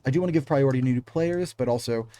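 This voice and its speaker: A man's voice: mid-range voice, fast talker, background noise. A young man calling a live video game match play by play, breaking off to chat with viewers. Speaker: game commentator and streamer.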